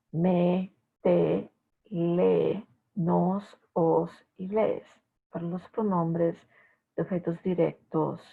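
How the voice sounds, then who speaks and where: A woman teaching a language class in a recorded lecture, explaining slowly with frequent filler pauses. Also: lowish voice, creaky, husky. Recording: tinny phone-like lo-fi audio.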